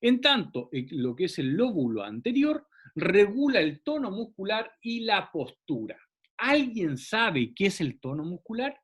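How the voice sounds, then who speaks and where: A man's voice: high-pitched, sing-song, measured pace, husky. A man teaching a classroom anatomy lecture, explaining step by step and often checking in with the class.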